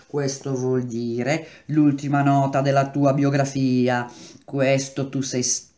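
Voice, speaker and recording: A man voicing a young woman rebel in a read-aloud novel, firm and steady. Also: mid-range voice, natural voice. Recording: roomy echo.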